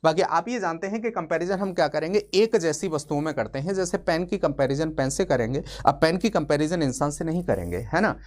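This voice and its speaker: A man's voice: fairly high pitch, fairly quick, hardly any pauses, a little mellow. A man in his twenties teaching a maths lesson for exams, chatty and joking, asking questions and then answering them himself. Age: 20s. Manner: chatty and joking, calls viewers friend. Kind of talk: exam-prep lesson.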